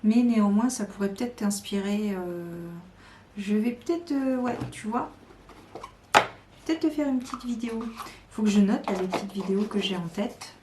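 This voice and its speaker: Woman, casual chat, hesitant with fillers, enthusiastic, mid pitch, echoey room, faint background noise. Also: moderate pace. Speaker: tarot and oracle card YouTuber.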